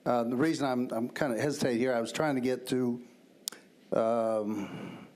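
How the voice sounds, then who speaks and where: A man speaking at a council meeting in a halting way, full of restarts and fillers. His voice sits at a middle pitch as he explains his bill off the cuff. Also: a little mellow. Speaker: council member sponsoring a bill. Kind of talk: unscripted council remarks.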